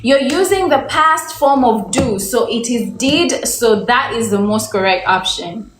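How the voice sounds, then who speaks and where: Teaching English over a livestream, a young woman from Uganda speaks in an expressive voice on the high side, with faint music and background noise behind her in an echoey room. She stretches each example sentence slowly and keeps prompting viewers to supply the correct answer.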